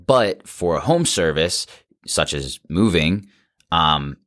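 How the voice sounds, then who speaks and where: Man with a very deep voice. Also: lively intonation, slow pace, fairly bright tone. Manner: casual, lots of "like" fillers. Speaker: podcast co-host. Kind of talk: casual business podcast chat.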